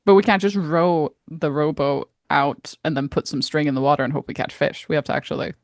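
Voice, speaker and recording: Co-hosting a podcast, a woman keeps things casual and conversational, her low voice steady and a little fast. The recording is dry and studio quality.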